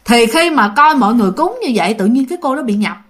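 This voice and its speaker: A woman with a Southern Vietnamese accent tells a ghost story casually and chattily, speaking directly to her listeners. Her voice is fairly high, expressive, and fairly bright, and she talks quickly.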